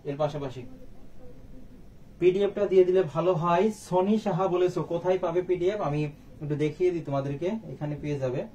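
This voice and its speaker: A high-pitched man teaches a live online exam-prep class, asking students questions and answering them himself. He sits a little back from the mic. A faint background hiss runs under his voice. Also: quick pace, dark tone, muffled recording. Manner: quizzing, rhetorical questions and answers. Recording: faint background noise, slightly distant mic.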